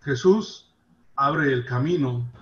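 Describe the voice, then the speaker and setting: A man giving a devotional sermon in an earnest way, his voice rising and dropping in loudness for emphasis. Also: medium pitch, slow pace, lo-fi sound. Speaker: preacher.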